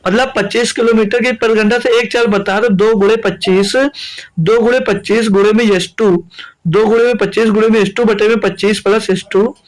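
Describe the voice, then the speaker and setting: A man's voice: high voice, fairly even intonation, moderate pace. A young man from India teaching an exam-prep maths lesson, repeating steps and answering his own questions.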